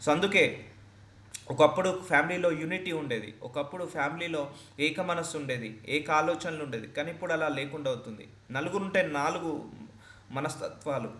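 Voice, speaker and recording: A man's voice: on the high side, a bit bright, roomy sound, a little hiss or hum. A man preaching a sermon as a pastor, earnest and repetitive for emphasis.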